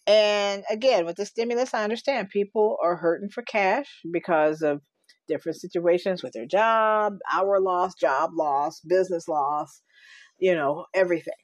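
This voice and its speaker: A woman's voice: on the low side, normal speed, dry recording. A tired middle-aged woman venting in a casual personal vlog, rambling with sighs and laughs. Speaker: vlogger.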